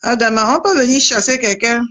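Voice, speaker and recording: A woman's voice: fairly high pitch, a little fast, a bit bright. A woman vlogger, chatting casually and teasingly to her viewers. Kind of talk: casual live video chat.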